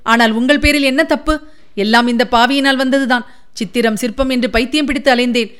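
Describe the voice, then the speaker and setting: A woman's voice: sits high, fairly even intonation, moderate pace, a bit bright, clean tone, pitched above the performer's own voice. A woman voicing an elderly male sculptor, a father driven frantic by grief, wailing and pleading. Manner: frantic, wailing, sobbing pleas.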